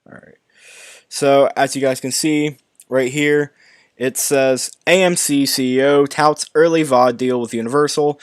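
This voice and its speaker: A man's voice: mid-range voice, no room sound, studio quality. Stumbling young man reading movie news. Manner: stumbling, restarting words, reading articles aloud. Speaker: YouTube movie news host. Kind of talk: live-stream news reading and commentary.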